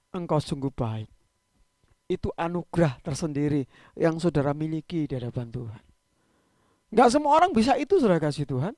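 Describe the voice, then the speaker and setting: Gravelly, high-pitched pastor. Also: male voice, no room sound, clean studio sound. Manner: conversational preaching, swings between loud emphatic peaks and quiet trailing endings. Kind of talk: sermon. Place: church livestream.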